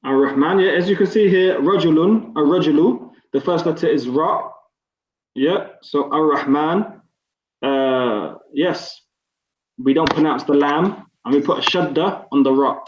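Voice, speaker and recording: A fairly high-voiced man teaches an online Arabic class and walks students patiently through each point. His voice sits in an echoey room and the sound is slightly dull. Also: unhurried, slight background noise. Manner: patient, encouraging, explains step by step.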